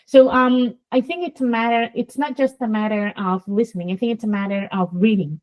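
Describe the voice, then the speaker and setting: A woman's voice: on the high side, steady tone, brisk, a little mellow, low-quality recording. A woman with a Spanish accent, a native Spanish speaker hosting an interview, explaining sounds in a lecturing way and demonstrating them aloud. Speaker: host, Spanish teacher.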